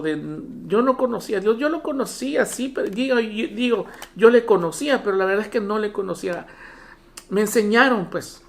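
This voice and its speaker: A pastor preaching a lively sermon from a home church, with a voice that sits in the middle range. The pastor keeps checking in with the congregation through rhetorical questions. Bible dialogue gets acted out with animation along the way. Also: mid-range voice. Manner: animated, repeats "¿me entienden?" to the congregation. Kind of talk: Spanish-language sermon.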